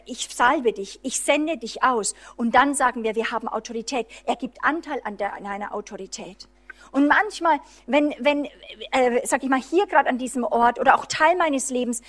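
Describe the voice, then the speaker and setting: A woman preaching a charismatic sermon, fervent and unscripted, swinging between loud emphatic lines and hushed low ones, with many restarts. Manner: frequent restarts and fillers while preaching freely; acts out voices of the enemy and a distressed believer.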